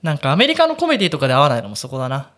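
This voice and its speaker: A man's voice: on the high side, wildly swooping pitch, very fast, a bit bright. A man co-hosting a podcast in casual chat, laughing often and eagerly explaining gear. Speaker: podcast co-host.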